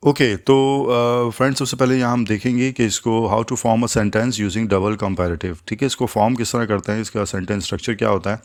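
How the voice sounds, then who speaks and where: Deep-voiced man teaching grammar step by step. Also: steady tone. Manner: patient step-by-step explaining, slows down for English examples. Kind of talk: explanatory grammar lesson.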